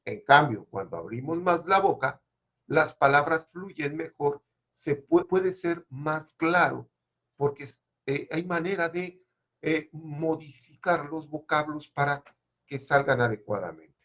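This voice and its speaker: A man giving an academic seminar presentation, measured and explanatory with occasional hesitations, on a dull lo-fi recording. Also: a little high, a bit bright.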